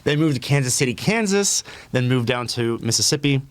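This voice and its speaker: Relaxed and prone to fillers and restarts, a man in his 30s from Puerto Rico guests on a podcast in casual conversation. He speaks a little fast in a mid-range voice, with no room sound.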